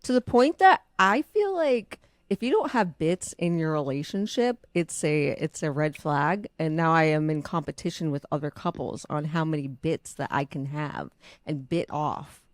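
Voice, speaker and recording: Young woman on a podcast, kinda low voice, giggly and playful, super dry sound. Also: animated, normal speed, dry recording. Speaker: podcast co-host. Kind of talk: casual chat.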